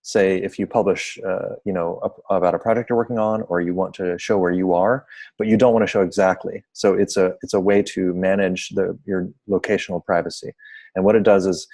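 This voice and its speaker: Low-voiced guy running a video call seminar, rambly and apologetic. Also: fairly even intonation, a little fast, darkish tone. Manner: explains at length, apologetic, informal. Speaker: seminar host. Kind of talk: online seminar moderation.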